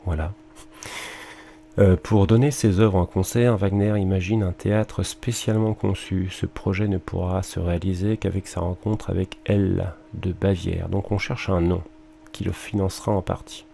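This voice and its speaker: A man's voice: low-pitched, fairly even intonation, moderate pace, creaky, warm tone. A male music teacher with a French accent, talking students through a research worksheet and thinking aloud with fillers and mild exclamations. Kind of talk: screen-recorded lesson walkthrough.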